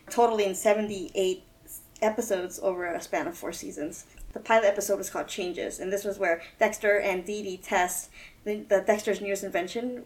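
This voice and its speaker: Upbeat woman co-hosting a podcast. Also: mid-range voice. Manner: upbeat, giggly storyteller. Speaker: podcast co-host. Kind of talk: casual chat.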